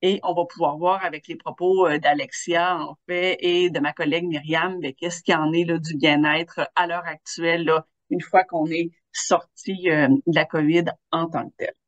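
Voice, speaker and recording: A man's voice: on the high side, fairly even intonation, moderate pace, few pauses, fairly bright tone, dull audio. A man presenting research in a webinar, hedging his words with frequent fillers.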